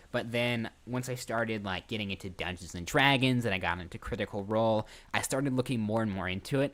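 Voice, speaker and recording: An eighteen-year-old streamer and voice actor chats casually on a live stream in a fairly low-pitched, fairly bright voice. He rambles, repeats phrases and cuts himself off mid-sentence.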